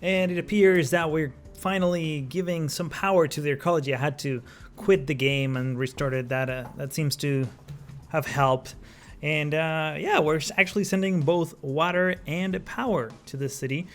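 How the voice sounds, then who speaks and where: A man's voice: a little high, fairly even intonation, normal speed, faint music behind. A man giving casual gameplay commentary as the host of his channel, rambling with many fillers and self-corrections.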